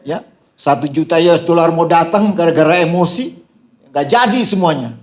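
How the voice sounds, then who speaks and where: A man's voice: a little high, normal speed. A male pastor preaching, telling stories with humor, often laughing and calling out to the congregation, with a flavor. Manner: storytelling with humor, laughing, addressing "saudara"; animated, voice rising when excited. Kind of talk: sermon.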